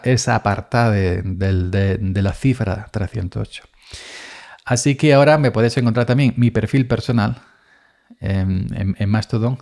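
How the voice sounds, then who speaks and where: A man's voice: lowish voice, gravelly, a little mellow. A man in his forties from Andalusia with an Andalusian Spanish accent, rambling casually through a solo podcast with many restarts and repeated words. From Andalusia, Spain.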